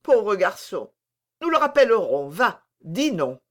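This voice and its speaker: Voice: medium pitch, big pitch swings, slow. A reader voicing a vain, petulant royal duke in an audiobook, haughty and fussy. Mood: scornful. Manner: haughty, fussy, easily swayed. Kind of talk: audiobook character reading.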